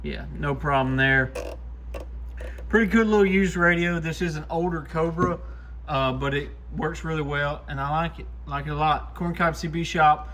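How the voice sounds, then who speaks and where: A repair shop channel host talks through a hands-on demo at a moderate pace, informal and plain in his wording. His voice is high-leaning and a bit bright, captured on a clearly noisy shop recording.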